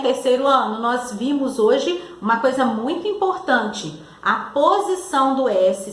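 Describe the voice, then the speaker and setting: A Brazilian woman teaching third graders in a recorded class, drawing out each word in a slow, sing-song teacher voice. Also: on the high side, a bit bright. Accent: Brazilian Portuguese. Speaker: primary school teacher. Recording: echoey room with faint noise.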